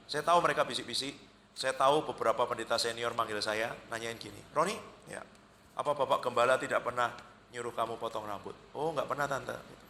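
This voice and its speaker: A male pastor with a Central Javanese Indonesian accent tells stories from the pulpit in an easy, chatty way. His voice is bright and ringing, and he jumps up in pitch to act out other people's words. A faint hum of church ambience sits behind him. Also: in a large hall. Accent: Indonesian, Central Java. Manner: chatty, anecdotal, acts out quoted voices with lively jumps. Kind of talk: conversational sermon storytelling. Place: church worship hall.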